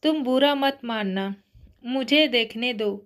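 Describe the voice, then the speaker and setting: A woman voicing a protective young man who speaks gently and reassuringly, at an unhurried pace. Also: a little high. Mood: gentle.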